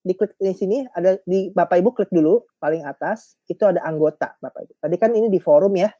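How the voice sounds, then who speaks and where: Warm-voiced man leading an online training. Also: high voice, fast talker, no echo, muffled recording. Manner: chatty, joking, addresses the audience often. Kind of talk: online teacher training webinar.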